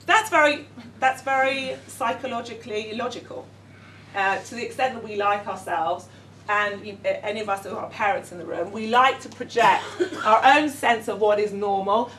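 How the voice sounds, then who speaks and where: A middle-aged London woman with a mid-range, slightly bright voice speaks at normal speed while leading an educators' workshop in a conference room before an audience. She's friendly, self-deprecating, and hesitant with lots of ums; the room echoes, she's far from the mic, and there's faint noise.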